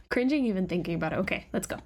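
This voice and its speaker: A woman's voice: mid-range voice, gravelly, a little mellow. A woman live-streaming a reaction to her own old videos, chatting casually in a giggly, scattered, self-mocking way.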